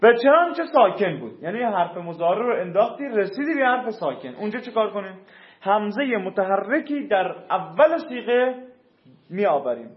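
A man's voice: high voice, sing-song. A man teaching a grammar class. He reads a rule aloud, then explains it in casual speech and puts questions to his students. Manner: asks the class questions and answers them. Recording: echoey room, dull lo-fi sound.

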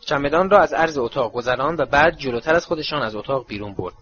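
A man narrating a storybook in an expressive, dramatic reading. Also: mid-range voice, dull audio, slight background noise. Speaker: audiobook narrator.

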